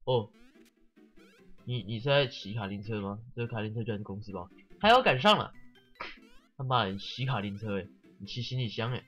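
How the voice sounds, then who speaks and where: A man's voice: on the low side, lively intonation, brisk, pauses often, a bit bright, lo-fi sound, faint music behind. A man giving casual let's-play commentary, sarcastic and swearing often while mockingly reading the game's text aloud.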